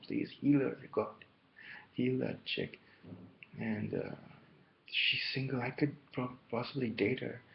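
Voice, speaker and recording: A man's voice: lowish voice, creaky. A man talking to camera in a rambling solo monologue, wandering from one topic to the next, on a muffled lo-fi recording with faint hiss. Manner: meandering, jumping between topics. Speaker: vlogger.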